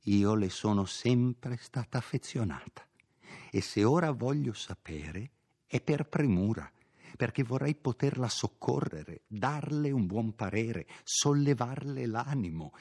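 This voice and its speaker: A man voicing a sharp-tongued, bossy middle-aged housekeeper in an audiobook, scolding and insistent. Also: on the low side, animated, unhurried, breathy edge, pitched above the performer's own voice, full character voice. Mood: coaxing. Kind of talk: audiobook character voice.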